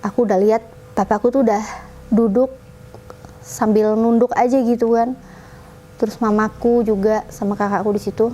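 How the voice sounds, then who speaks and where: A woman guest casually telling a personal story in an interview, lively and acting out what her family said. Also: a little high, normal speed, long pauses. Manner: animated, acts out family members' lines in quotes; talks while coughing.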